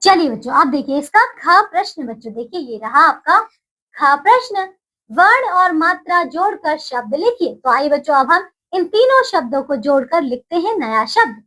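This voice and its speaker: Sing-song high woman teaching children. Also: very animated, normal speed, sharp tone, poor audio. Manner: sing-song, stretches each target word upward. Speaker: primary school Hindi teacher. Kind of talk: slow teaching lesson for children.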